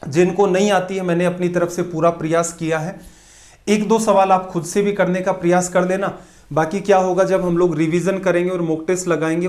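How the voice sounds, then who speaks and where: A man's voice: high-pitched, darkish tone. A man teaching a competitive-exam math lesson, asking questions and answering them himself, with emphatic repetition.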